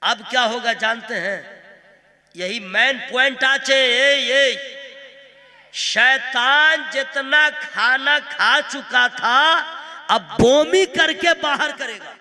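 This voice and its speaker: A man's voice: very high voice, pushed and bright. A man preaching at a religious gathering, playful and laughing as he coaxes the crowd, mixing in Bengali phrases and breaking into sung verses. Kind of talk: jalsa sermon with sung verses. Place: open-air religious gathering.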